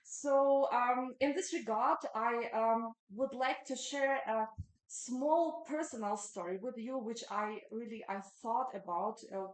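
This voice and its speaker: A woman in her thirties from Ukraine, giving an academic conference talk in a halting way, full of ums and uhs. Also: on the high side, reverberant, low-quality recording. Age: 30s. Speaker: conference presenter.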